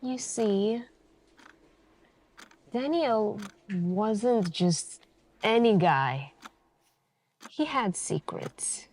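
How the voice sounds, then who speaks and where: In an ASMR interrogation roleplay, a woman plays a suspicious police detective, speaking deliberately and insinuatingly with pointed pauses. Her medium-pitched voice is animated and a little dark in tone, and she sounds accusing and knowing.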